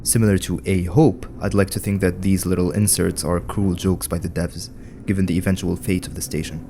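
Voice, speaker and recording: A man's voice: low voice, flat delivery, a little fast, mellow, a little hiss or hum. A man narrating a scripted video essay with wry, conversational commentary.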